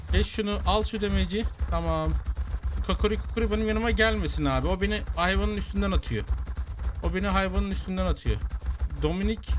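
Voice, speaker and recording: Young male gaming YouTuber, slightly high voice, chatty and repetitive, getting loud in fights, faint background noise. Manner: talks to viewers and his creatures, repeats himself, gets loud and excited in fights. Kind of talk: casual let's-play commentary.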